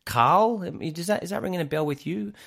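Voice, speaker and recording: A man in a casual podcast chat, telling stories in an animated, slangy way and laughing often. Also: high voice, brisk, vocal fry.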